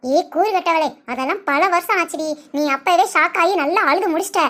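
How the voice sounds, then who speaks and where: A woman voicing a sharp-tongued village woman in a cartoon, scolding and name-calling. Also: very high-pitched, brisk. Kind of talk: cartoon voice acting.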